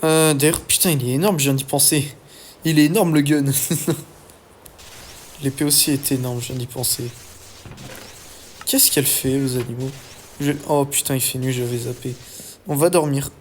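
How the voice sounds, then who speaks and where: A young man giving casual let's-play commentary, excitable and swearing often as he talks to his viewers. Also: medium pitch, normal speed, pauses often, a little hiss or hum. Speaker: gaming YouTuber.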